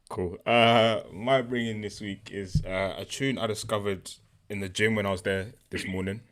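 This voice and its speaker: A man with a notably deep voice. He is co-hosting a podcast and talks in a casual, chatty way. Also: steady tone, measured pace, a bit bright. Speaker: podcast co-host. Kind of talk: casual chat.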